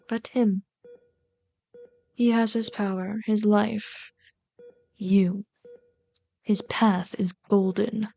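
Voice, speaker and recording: Speaking in a mid-range voice, a woman performs as a female villain full of bitterness and longing for an intimate ASMR roleplay. Her delivery broods dramatically and slips at times into breathy whispers.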